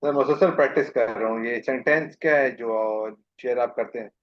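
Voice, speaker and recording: A man answering as a student in an online class, hesitant and halting in his replies. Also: mid-range voice, dull audio.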